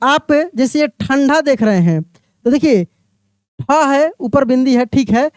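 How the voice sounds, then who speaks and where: A man teaching a beginners' reading lesson, explaining slowly, repeating each word and putting questions to the listener. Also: very high voice, expressive, no echo, studio quality. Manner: addresses the viewer as my friend.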